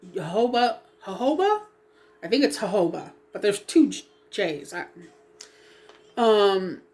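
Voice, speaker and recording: Her voice sits at medium pitch with a darkish tone as she talks casually through dyeing her hair on a vlog. A lingering cough leaves her sniffly and a little froggy, and her chat is hesitant, rambling, laced with ums, and self-apologetic.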